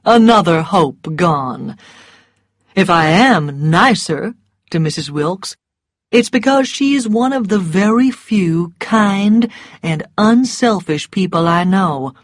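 Rhett, a cynical gentleman, as a woman reader plays him, draws out his sardonic remarks slowly and lazily in a slightly lowered voice. The recording is close and dry. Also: animated, no echo. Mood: wry. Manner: drawling, bored, sardonic.

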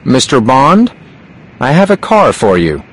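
A man's voice: mid-range voice, huge pitch swings, a little slow, slightly rough, pitched above the performer's own voice, heavily acted, rough recording. A man voicing a curt, bossy male gangster driver in a storybook reading.

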